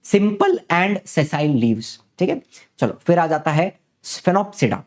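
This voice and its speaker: A man's voice: a little high, a little mellow. Male teacher explaining in a patient, repetitive way. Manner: explains slowly, repeats words and asks the class questions. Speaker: biology teacher. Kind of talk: online classroom lecture.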